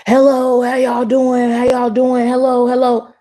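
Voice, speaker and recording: A woman quoting a pushy, overly friendly male stranger who shouts greetings at people. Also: mid-range voice, flat delivery, moderate pace, voice pushed up, lightly acted. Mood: insistent. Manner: loud, insistent greetings.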